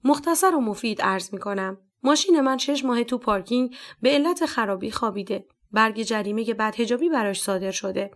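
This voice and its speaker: A woman's voice: fairly high pitch, lightly acted. A woman doing a fawning, pleading man. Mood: anxious. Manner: pleading, flattering, servile. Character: pleading middle-aged man, meek and fawning.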